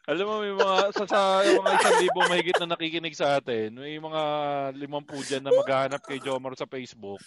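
A man's voice: fairly high pitch, brisk, few pauses, a bit bright, slight background noise. A man co-hosting a podcast, bantering casually, teasing his friends and laughing often. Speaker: podcast co-host.

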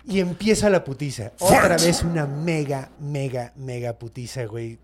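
A man with a Mexican accent retelling an old myth in slangy, animated casual chat as a podcast host. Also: on the high side, normal speed, a crowd in the background. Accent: Mexican Spanish.

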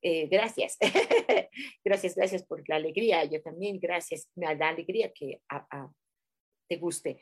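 A woman's voice: fairly low pitch, expressive, a little slow, husky. Chatty Mexican woman reading live comments. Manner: warm, chatty, many fillers, affectionate terms. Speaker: livestream host giving angel messages. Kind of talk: casual live-chat reading.

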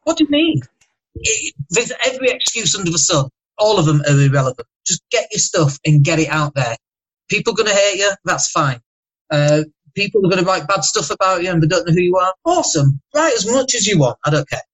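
A man's voice: high-pitched, very animated, fairly bright tone, breathy edge, poor audio. A man with a Northern English accent and a slight lisp, talking emphatically and motivationally as a podcast guest. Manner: emphatic, motivational, rapid asides. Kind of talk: casual podcast chat.

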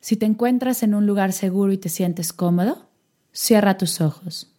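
A woman guiding a meditation, giving soft-spoken instructions with long pauses. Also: medium pitch. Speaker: meditation guide. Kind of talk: guided meditation.

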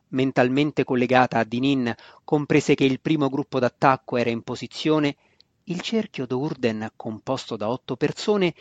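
A man reading a fantasy novel aloud in a steady, measured scripted narration. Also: medium pitch, dry recording. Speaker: audiobook narrator. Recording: dry, slightly dull lo-fi recording.

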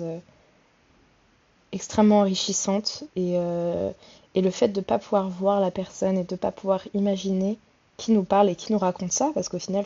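A woman's voice: fairly low pitch, mellow, dull audio. A woman in her twenties from France hosting a solo podcast, talking casually with frequent hesitations and restarts. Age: 20s. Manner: hesitant, many fillers and restarts. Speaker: podcast host.

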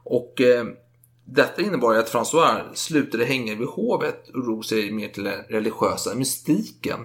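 A man's voice: mid-range voice, lively intonation, a bit bright. A man retelling history in casual chat, swearing freely and acting out the people in his story.

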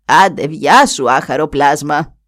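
A woman voicing a spiteful, scornful old stepmother in a storybook tale, sneering at her stepdaughter and shrill when outraged. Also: lively intonation.

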